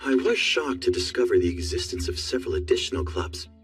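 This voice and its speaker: A man's voice: lowish voice, big pitch swings, fairly quick. A man playing a formal, deferential aide to a prince in an English anime dub. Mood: formal, deadpan. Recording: slightly distant sound, music behind.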